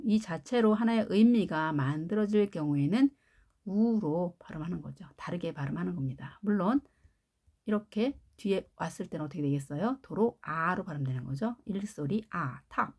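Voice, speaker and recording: A woman's voice: lowish voice, darkish tone. A woman with a Korean accent teaching English pronunciation, explaining step by step and repeating each word. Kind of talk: classroom-style pronunciation lesson.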